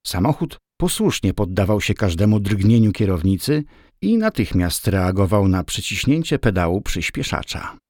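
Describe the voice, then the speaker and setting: A man reads an audiobook in a steady, measured way. His voice sits low, and the recording is dry and close, with no room sound. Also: no echo. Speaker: audiobook narrator. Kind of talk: scripted narration.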